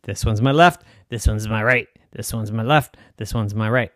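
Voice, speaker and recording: A man voicing a friendly, chatty male walrus in a bedtime story, talking in a high, bouncy, cheerful voice. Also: moderate pace, a bit bright, dry recording, clean studio sound, close to an everyday voice.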